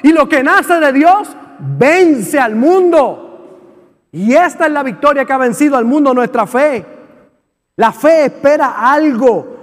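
Male Puerto Rican pastor, 50s, fervent sermon delivery, very high pitch, long hall reverb. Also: animated, slow pace. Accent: Puerto Rican Spanish. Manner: impassioned preaching, shouting at peaks. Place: church sanctuary.

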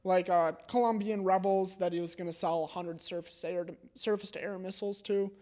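A man co-hosting a casual current-events podcast, talking in an animated way and laughing at his own jokes. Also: sits high, a little fast. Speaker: podcast co-host. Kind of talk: casual chat.

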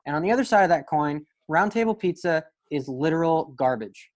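语调偏高的男声，夸张吐槽. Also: male voice, a little high, lively intonation, brisk. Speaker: podcast co-host. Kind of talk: casual podcast chat.

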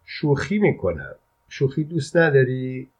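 A man's voice: medium pitch, sing-song, husky, pitched above the performer's own voice. A man reading as a teasing, flirtatious woman. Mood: coaxing. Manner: teasing, coaxing. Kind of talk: audiobook reading. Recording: dull lo-fi recording.

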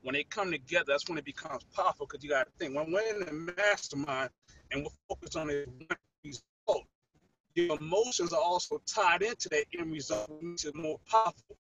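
A man's voice: a little high, expressive, a little fast, gravelly, a bit bright. A man in a group discussion joining over a buzzy, glitchy online call that breaks up, talking earnestly and restarting words as he thinks. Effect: buzzy, glitchy online call audio that breaks up. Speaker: mastermind group member. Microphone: remote call connection. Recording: muffled, dry call line.

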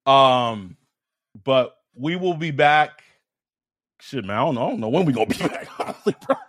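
A man's voice: medium pitch, animated, normal speed, fairly bright tone, dry recording, clean studio sound. A man hosting a sports podcast in casual, slangy fan banter, swearing freely and repeating phrases for emphasis.

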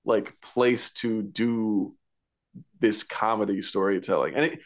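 A man's voice: fairly low pitch, fairly even intonation, slow. A man co-hosting a podcast, chatting casually about a TV episode, full of fillers, restarts and laughs. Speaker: podcast co-host. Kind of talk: casual TV recap chat.

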